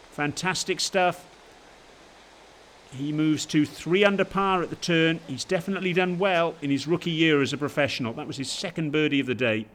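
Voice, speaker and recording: A man working as a golf commentator, giving measured television highlights commentary with brief exclamations. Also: fairly bright tone, a little hiss or hum.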